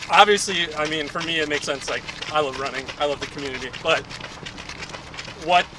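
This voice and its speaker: A man hosting a casual interview while running outdoors, talking informally with quick affirmations. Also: on the high side. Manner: informal, frequent short affirmations. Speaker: interviewer, host. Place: outdoors, on the move. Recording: noisy outdoor recording.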